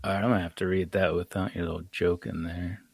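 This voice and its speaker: American man, low voice, author guest, rambling podcast talk, dry close mic. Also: flat delivery, fast, gravelly, a little mellow, slightly rough, dry recording. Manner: thoughtful, rambling explanations with fillers. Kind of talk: casual podcast conversation.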